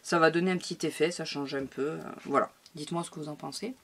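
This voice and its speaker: A woman's voice: sits low, steady tone, quick pace. A woman casually showing her scrapbook album to viewers, chatty and hesitant, with many fillers and restarts. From France. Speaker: scrapbooking vlogger. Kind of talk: casual show-and-tell of a craft album.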